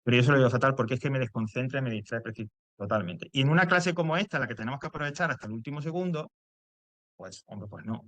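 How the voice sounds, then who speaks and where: A man's voice: medium pitch, quick pace, fairly bright tone, no room sound. A man teaching English grammar to a class, explaining step by step and checking in often.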